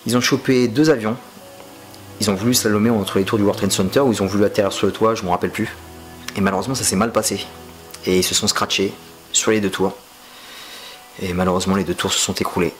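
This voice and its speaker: A man with a low voice reviews a film in a loose, slangy way, cracking jokes as he goes. His delivery stays chatty and informal. Music plays clearly under his voice throughout. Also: fairly even intonation, fast talker, long pauses, rough recording.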